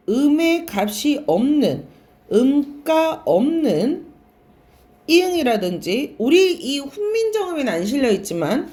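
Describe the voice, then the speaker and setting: This Korean language teacher's voice sits high and carries a dark tone. Giving a classroom lecture, she asks questions only to answer them herself, and she repeats and stretches important words.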